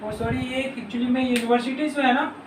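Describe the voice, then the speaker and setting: A man teaching an English grammar lesson in Hindi, repeating words slowly and calling his students children. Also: very high voice, steady tone, noisy background. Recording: echoey room, mic at a distance.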